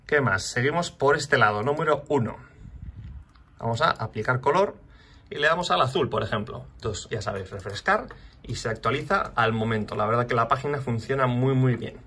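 A man walking viewers through a design website in a relaxed, chatty tutorial, talking to the audience as he clicks. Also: medium pitch, brisk, husky. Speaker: channel host. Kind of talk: casual screen walkthrough tutorial.

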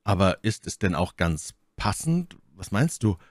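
A man's voice: sits low, sing-song, measured pace, no room sound, studio quality. A man voicing a young woman, an earnest and devoted sweetheart, hesitant at first and then eagerly earnest, in a read-aloud storybook.

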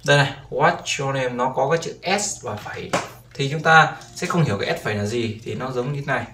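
A man's voice: medium pitch, animated, brisk. A man teaching a beginner English lesson, patiently repeating each word and often checking with "right?". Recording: roomy echo with faint background noise.

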